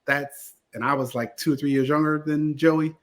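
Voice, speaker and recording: A man from Connecticut, a guest attorney and theater producer, telling stories in a casual interview with animated delivery. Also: on the high side, normal speed. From Connecticut, USA. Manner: animated storyteller, lively voices in anecdotes.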